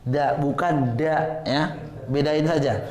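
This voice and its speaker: A man teaches Quran pronunciation in a live tajwid class, patiently correcting students and demonstrating letter sounds. His voice is a little high and a little mellow, with a steady tone and slow pace, recorded in an echoey room.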